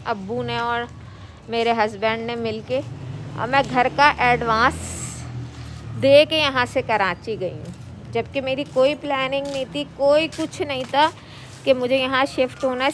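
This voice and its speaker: A woman's voice: high voice, slight background noise. A middle-aged woman from Pakistan telling her own story in a chatty, rambling way for her vlog. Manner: chatty, rambling, repeats herself. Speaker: vlogger. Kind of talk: casual personal vlog storytelling.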